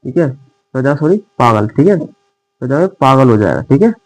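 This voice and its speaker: A man's voice: mid-range voice, animated, moderate pace, dry recording, low-quality recording. A male teacher explaining shorthand in a classroom-style lesson, asking questions and answering them himself, calling his students dear children. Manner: repetitive quiz-style, asks and answers himself; affectionate address to students.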